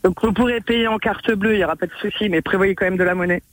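A woman's voice: mid-range voice, fairly even intonation, fast, rough recording. A woman being interviewed casually on the radio, explaining things in a conversational way. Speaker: interview guest, association president.

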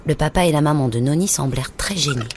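A woman reading a children's story aloud in a soft, expressive way, with music playing underneath. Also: low-pitched, quick pace, heavy background noise.

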